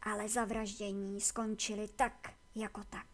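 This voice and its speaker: A woman's voice: medium pitch, flat delivery, voice pushed down, natural voice. A woman voicing a weary, aging male elder who sounds tired and guilty, with a subdued delivery.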